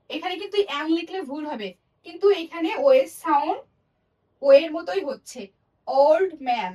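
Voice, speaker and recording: A woman's voice: very high voice, recorded from a distance, poor audio. A woman teaching English grammar in a lesson, explaining step by step and repeating example words and sentences.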